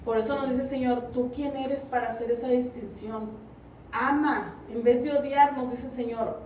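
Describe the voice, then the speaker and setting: A woman delivers a sermon in a high, bright voice. She presses her congregation earnestly. She is picked up from a distance in an echoing room with a faint hum underneath. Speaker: preacher. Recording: roomy, distant mic.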